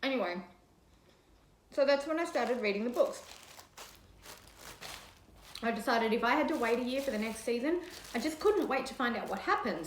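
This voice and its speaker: A woman's voice: a little high, a little hiss or hum. A woman in her thirties chatting casually and gushingly to camera while eating, chewing as she talks, in a living room. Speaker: mukbang vlogger. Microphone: camera across a coffee table. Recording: roomy echo.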